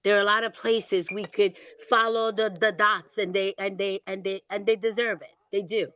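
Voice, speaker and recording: A woman's voice: medium pitch, fairly even intonation, moderate pace, fairly bright tone. A woman speaking earnestly in an online audio room, often stopping and restarting her sentences. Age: older than previous speaker. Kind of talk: casual discussion.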